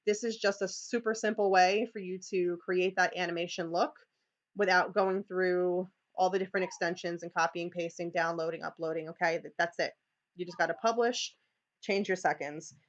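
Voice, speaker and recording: The audio is dull as a New York-accented woman guides teachers through a live screen-share training session. She talks at a moderate pace in a steady, low-leaning voice, chatty and peppered with "okay"s and restarts.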